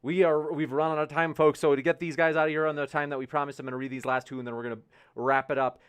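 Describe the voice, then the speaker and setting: A man's voice: a little high, level tone, quick pace, clear, resonant tone. A man moderating an online debate, reading out chat questions in an upbeat, chatty way. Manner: upbeat, chatty, hypes upcoming events.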